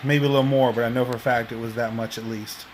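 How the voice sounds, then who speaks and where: Male vlogger, mid-pitched, halting and rambling casual update, home recording with some background noise. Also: flat delivery. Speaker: video blogger. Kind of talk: casual personal update to camera.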